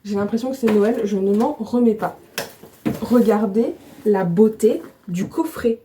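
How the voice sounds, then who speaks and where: A chatty woman with a warm, mellow voice, talking casually at home. She gushes and gets excited, and her speech is full of fillers, with a faint hiss of background noise. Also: medium pitch, measured pace. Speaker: vlogger. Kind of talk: casual unboxing chat.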